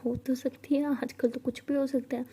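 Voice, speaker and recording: A woman voicing a breezy, offhand male doctor in a breathy whispered role-play. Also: high voice, flat delivery, normal speed, dark tone.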